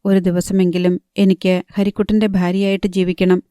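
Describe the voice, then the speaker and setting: A woman's voice: medium pitch, flat delivery, fairly quick, mellow, smooth, dry recording, studio quality, lightly acted. A woman reading a young woman in love, anxious and pleading, in an audiobook. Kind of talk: audiobook narration.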